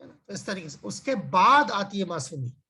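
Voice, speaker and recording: Husky man teaching an online class. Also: high voice, very animated, sharp tone. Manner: explains with everyday examples and rhetorical questions; frequent filler phrases and restarts, slows to stress key words. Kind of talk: conversational religious lecture. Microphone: video call.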